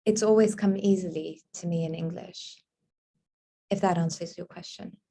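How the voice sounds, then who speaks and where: A woman from Lebanon with a fairly low voice and a dark, mellow tone answers book club questions over a video call. She muses as she talks, fills her pauses with soft hums and now and then lights up with wonder. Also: gravelly. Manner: reflective and musing, with many soft fillers; bursts of wonder and excitement. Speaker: author being interviewed.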